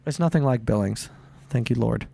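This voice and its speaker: A young man from Montana hosting a podcast in casual chat, animated, laughing often and swearing freely. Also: medium pitch, normal speed, gravelly, slightly rough, no room sound. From Montana, USA. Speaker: podcast host.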